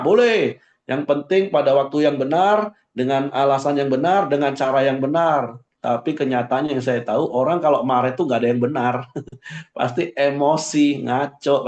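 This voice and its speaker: A man gives a devotional Bible talk in a conversational way, his voice jumping up on stressed points and falling quiet to round each one off. The sound is roomy and a little muffled, like audio from an online meeting. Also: moderate pace. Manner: conversational, rises sharply for emphasis, ends points with a low aside. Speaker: pastor.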